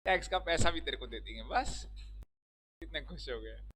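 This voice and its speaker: Bright-voiced man teaching a law class. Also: a little high, lively intonation, normal speed, breathy edge, poor audio. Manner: joking, teasing students, quizzing them. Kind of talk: classroom lecture with banter.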